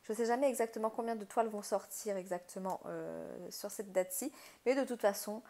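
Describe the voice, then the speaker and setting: A woman's voice: mid-range voice, fairly quick, warm tone. A woman with a French accent chatting casually through a craft unboxing, talkative, with frequent fillers and easy laughter. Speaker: craft video creator.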